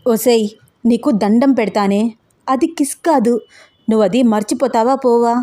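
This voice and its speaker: A woman's voice: on the high side, normal speed, warm tone, no room sound, clean studio sound, lightly acted. A woman doing an annoyed young man, scolding. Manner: scolding, exasperated. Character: irritated young man, quick-tempered fiancé.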